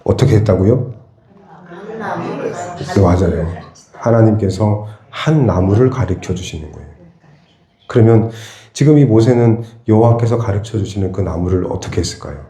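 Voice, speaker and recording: A man's voice: lowish voice, normal speed, mellow, reverberant. A pastor preaching a sermon in a church. He keeps asking the congregation questions and answers them himself. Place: church sanctuary.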